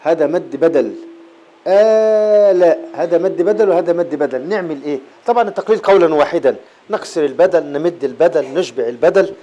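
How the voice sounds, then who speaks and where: A man with an Egyptian Arabic accent teaching Quran recitation in a classroom lecture. He explains patiently, repeats key terms and breaks into slow chanted verse. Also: a little high, mellow, muffled recording, a little hiss or hum.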